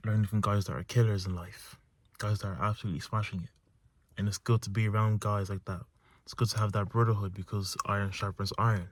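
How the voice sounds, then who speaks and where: Speaking quickly in a lowish voice with fairly even intonation, a young male vlogger focused on self-improvement offers a reflective pep talk from inside his car, parked at night. He's earnest and emphatic and keeps circling back to key phrases, and the recording has no echo.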